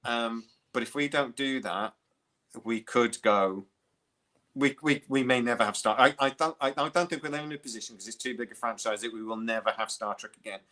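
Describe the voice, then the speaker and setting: A British man hosting a podcast, chatting animatedly about a TV franchise, his voice a little worn and hoarse from talking. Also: medium pitch, a little fast. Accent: British English. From United Kingdom. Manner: animated, chatty fan talk. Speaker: podcast host. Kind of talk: casual chat.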